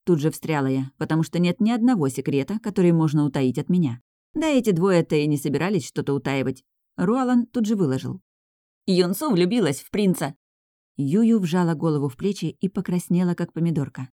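Female audiobook narrator, first-person storytelling, dark mellow voice, dry close sound. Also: low-pitched, animated, fast, no room sound.

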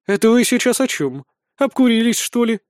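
A fierce succubus swordswoman from a storybook, mocking and vulgar, her taunts pitched up high and pushed out loud, as a male narrator puts her on. The voice sounds dry and close. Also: expressive, normal speed, dry recording. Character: fierce, crude succubus warrior woman, adult.

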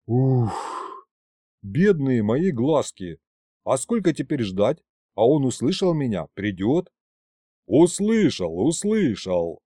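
Animated man narrating an audiobook. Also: medium pitch, takes it slowly, dry recording, clean studio sound. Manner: wry, chatty, animated. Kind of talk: first-person audiobook narration.

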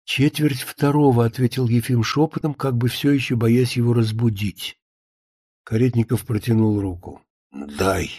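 A man narrating a story as an audiobook in a calm, measured reading. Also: medium pitch, husky, no room sound, studio quality.

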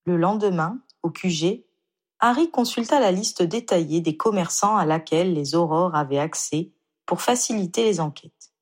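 A woman reading a story aloud in a calm, measured way. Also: fairly low pitch. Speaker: audiobook reader. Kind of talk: scripted narration.

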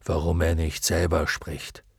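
A man voicing a huge, wise and gentle male luck dragon in an audiobook, murmuring slowly and solemnly. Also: monotone, vocal fry, slightly rough, dry recording, clean studio sound, heavily acted. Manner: deep hushed murmur, slow and solemn. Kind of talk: audiobook character voice.

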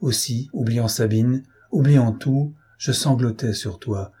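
A man's voice: mid-range voice, slow pace, warm tone, slightly rough. A man reading an audiobook aloud, voicing a frightened, tearful governess who pleads with strong emotion. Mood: pleading.

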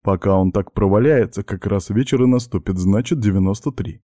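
A man voicing a stern, domineering baritone voice inside someone's head in an audiobook. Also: brisk, dark tone, no echo, studio quality, lightly acted. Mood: insistent.

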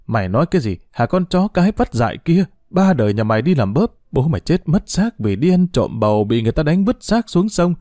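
A man's voice: very animated, brisk, hardly any pauses, mellow, no echo, studio quality. A man voicing a bitter old mother-in-law in an audio story, cursing and wailing in a raised voice. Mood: furious. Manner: shrill, abusive scolding.

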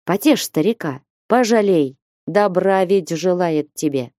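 A woman's voice: lowish voice, animated, unhurried, dark tone, dry recording, clean studio sound. A woman voicing an older male godfather who coaxes and insists in an audiobook. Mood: coaxing. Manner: coaxing, insistent. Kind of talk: audiobook reading.

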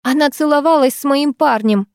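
A woman reading an audiobook aloud, voicing an angry, heartbroken older sister who shouts sarcastic accusations. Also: high-pitched, normal speed, dry recording, studio quality, pitched above the performer's own voice. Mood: accusing.

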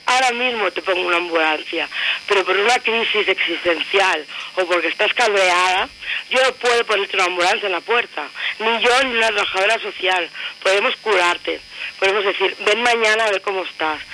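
Intense woman in her thirties, bright voice. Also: mid-range voice, a little hiss or hum, rough recording. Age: 30s. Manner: intense, searching, full of rhetorical questions. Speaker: radio show participant. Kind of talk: personal radio talk.

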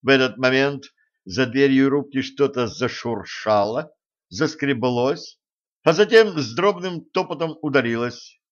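A man reading an audiobook aloud in an even, measured way. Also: medium pitch. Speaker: audiobook narrator. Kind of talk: audiobook narration. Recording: dull lo-fi recording.

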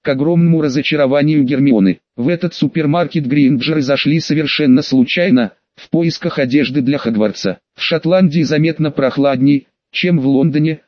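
A man narrating an audiobook in a steady, even reading voice. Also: fairly high pitch, fairly quick, hardly any pauses, no room sound, muffled recording. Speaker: audiobook reader.

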